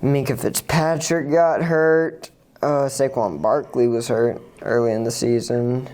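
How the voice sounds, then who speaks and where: Give me a co-host on a relaxed sports podcast who speaks at a middling pitch. They talk in a chatty, casual way and reel off team records and injured players in quick lists.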